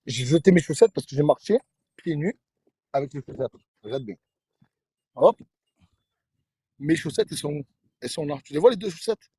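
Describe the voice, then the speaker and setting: Husky man, crude slangy livestream banter. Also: on the high side, lively intonation, moderate pace, pauses often, dark tone, dry recording, studio quality. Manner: crude slangy boastful joking. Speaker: livestream host.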